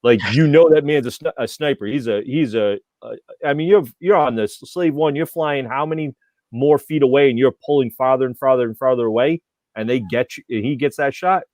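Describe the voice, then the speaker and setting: A man's voice: mid-range voice, brisk, a little mellow, no room sound. A man on a casual podcast panel, talking with rambling enthusiasm and filling his sentences with like and you know.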